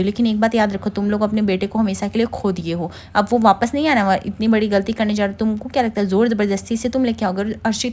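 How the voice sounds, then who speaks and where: A blunt, scolding young man from a TV drama lectures the family without pause, as a woman narrator reads his words. The delivery is quick and lecturing, at a middling pitch. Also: dark tone, close to an everyday voice.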